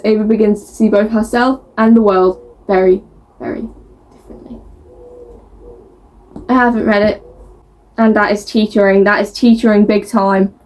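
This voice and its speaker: A woman's voice: a little high, darkish tone. A woman chatting casually as a book vlogger, reading blurbs aloud and stumbling over words in a self-mocking way.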